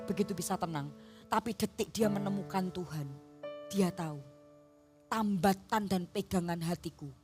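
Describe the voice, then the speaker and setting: Seorang pendeta wanita berlogat Jawa menyampaikan khotbah di gereja sambil bercerita dengan ekspresif kepada jemaat. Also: female voice, mid-range voice. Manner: expressive, storytelling, addresses the congregation. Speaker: pastor. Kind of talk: sermon. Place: church.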